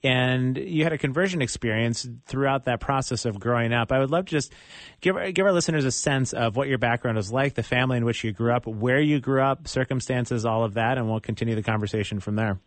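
A man hosts a morning radio show from the studio. He talks in an upbeat, smooth way and keeps an even middle pitch. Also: fairly quick, dry recording.

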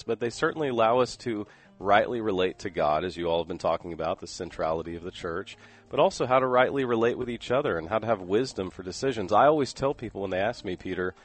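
A man speaking in a recorded radio segment, teaching in a measured, emphatic way. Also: on the low side. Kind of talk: teaching talk.

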